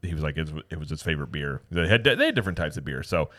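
A man's voice: a bass voice, very animated, racing, a bit bright, no room sound, clean studio sound. A man co-hosting a podcast, chatting casually and telling a long story that wanders, acting out what people said. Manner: rambling storyteller, acts out quotes. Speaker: podcast co-host. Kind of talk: casual chat.

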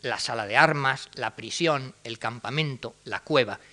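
Bright-voiced male lecturer. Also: mid-range voice, measured pace. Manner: explanatory, addresses the audience directly. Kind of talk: academic lecture.

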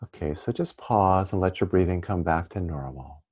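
Low-voiced man teaching meditation, muffled sound. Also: moderate pace, husky. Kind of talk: guided meditation instruction. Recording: muffled, band-limited audio.

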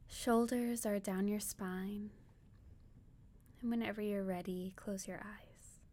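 Slow, hushed woman guiding meditation like a sleep narrator. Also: mid-range voice, fairly even intonation. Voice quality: soft, breathy, near whisper. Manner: soothing, gentle, long pauses. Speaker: guided meditation leader.

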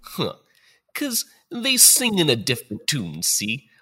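Man playing a wise-guy ghost of future, husky tough-talk, wild pitch swings. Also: huge pitch swings, slow pace, bright, forceful tone, full character voice. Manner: streetwise gangster slang, gruff. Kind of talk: comedic audio drama.

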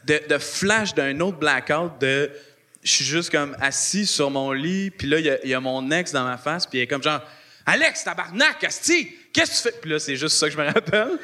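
A man's voice: fairly high pitch, normal speed, sharp tone, slight background noise. A man with a Québécois accent, a comedian guest telling self-mocking stories on a live podcast. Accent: Québécois French.

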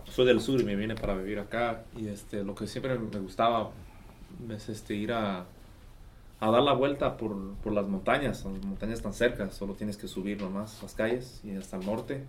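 A man's voice: lowish voice, moderate pace, slight background noise. A man talking casually with lots of fillers. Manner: animated, uses fillers like "este". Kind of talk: casual conversation.

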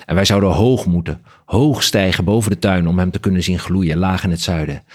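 A man's voice: low voice, brisk. A man voicing an old father bat who speaks in a solemn, tender way in a storybook reading. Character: old male bat, solemn, gentle and resigned.

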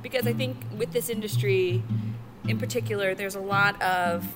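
A woman's voice: medium pitch, normal speed, over loud music. A woman co-hosting a podcast and chatting casually, bubbly, with frequent laughs and many ums. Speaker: podcast co-host, plastics engineer.

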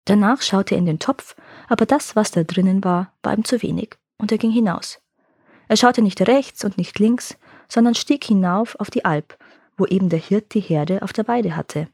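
A woman reading a fairy tale aloud in a calm, lively storytelling manner that slows for suspense. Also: medium pitch, gravelly, husky, no echo, studio quality.

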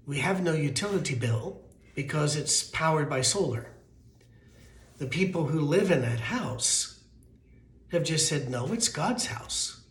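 American male pastor, thin weak voice a bit high, conversational storytelling sermon, roomy echo. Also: animated, a little slow, pauses often. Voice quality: thin, weakened voice. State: voice weak from allergies. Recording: roomy, echoing sound.

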